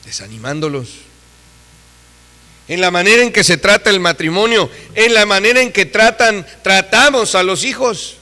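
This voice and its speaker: A man delivers a sermon in a high, bright voice. He is emphatic, acts out the people he quotes, and swings between loud and soft passages. The church around him adds a long reverb. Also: animated, normal speed. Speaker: preacher.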